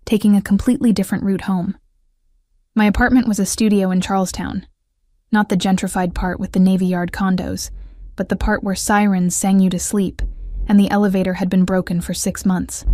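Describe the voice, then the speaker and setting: Brief: woman audiobook narrator, measured first-person storytelling, dark steady tone, monotone, close studio mic. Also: medium pitch, dry recording.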